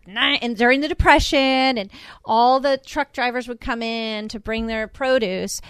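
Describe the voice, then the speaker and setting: A woman from California chats casually, spinning lively stories and breaking into laughter often. Her voice is bright and smooth, sitting a little high. The sound is dry and close. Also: no echo. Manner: animated storyteller, laughs often. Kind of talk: casual chat.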